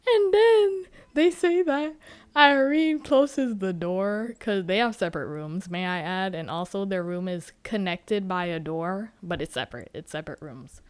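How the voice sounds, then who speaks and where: Slow, smooth-voiced woman joking through a book recap. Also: medium pitch, dry recording. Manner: casual, profane, sarcastic. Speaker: podcast host.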